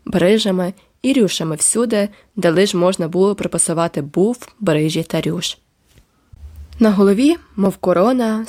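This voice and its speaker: A woman reading a classic novel aloud as an audiobook narrator, in a measured, expressive way. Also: fairly low pitch, no room sound, clean studio sound. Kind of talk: scripted literary narration.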